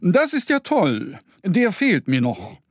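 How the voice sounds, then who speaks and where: A man's voice: fairly high pitch, sing-song, a little slow, a little mellow, no room sound, studio quality, pitched above the performer's own voice. A man voicing an enthusiastic stag pharmacist who explains herbal medicine in a children's story. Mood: hearty. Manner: hearty, explaining.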